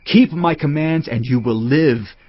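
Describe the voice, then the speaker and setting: As a scripture narrator in a dramatised Bible reading, a man speaks a little slowly in a fairly high voice, solemnly admonishing like a fatherly teacher. Background music plays beneath slightly muffled audio without echo.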